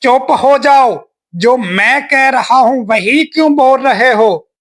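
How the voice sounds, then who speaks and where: A man's voice: very high-pitched, takes it slowly, a bit bright, a little hiss or hum, full character voice. A man voicing a mischievous young boy in a cartoon, whiny and mocking. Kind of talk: cartoon voice acting.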